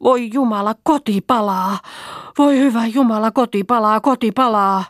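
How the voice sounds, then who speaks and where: A woman reading the part of an excitable young peasant girl in an audiobook play, with a fearful, exclaiming delivery. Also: low voice, no room sound, studio quality. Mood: panicked.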